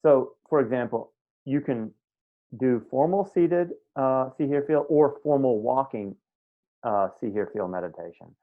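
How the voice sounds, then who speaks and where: Unhurried and expressive, a man with a medium-pitched voice guides a live meditation class over video call. The line sounds thin and phone-like, and he chats casually while regularly making sure his students follow along.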